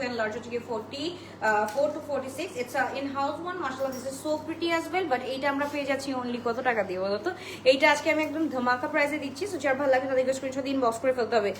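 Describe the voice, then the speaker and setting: An online boutique seller with a high voice hosts a live dress sale, chatting into a phone. She greets viewers by name and drops in English phrases, and the recording has a roomy echo with steady noise behind it.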